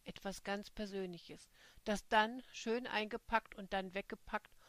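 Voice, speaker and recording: A woman reading the part of a quiet, modest young woman, in a subdued way, in her own voice. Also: medium pitch, steady tone, measured pace, no echo, lightly acted.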